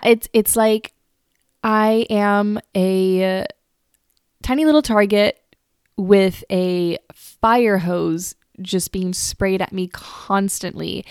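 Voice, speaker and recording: A woman's voice: medium pitch, darkish tone, clear, resonant tone, dry recording. Young woman, podcast host, earnest and chatty, dry close mic. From United States. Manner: earnest, chatty, repeats words when restarting. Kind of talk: casual solo podcast talk.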